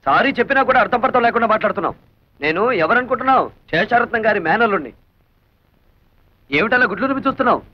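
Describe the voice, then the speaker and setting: An actor playing a brash, teasing young hero in a film comedy. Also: male voice, very high-pitched, animated, rapid-fire, pauses often, lo-fi sound, slight background noise. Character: cocky young male hero, the nephew.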